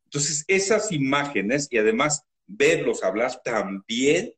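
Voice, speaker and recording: A man with a Mexican accent, a guest in an interview, telling stories from his life in a loud, animated, emotional way. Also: medium pitch, takes it slowly. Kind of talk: emotional storytelling.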